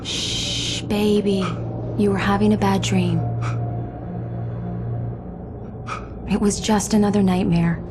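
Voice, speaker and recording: A woman's voice: mid-range voice, measured pace, close to an everyday voice. An actress playing a soothing wife in a game, tender and reassuring as she comforts a partner. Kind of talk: dramatic game acting. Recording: loud music over voice.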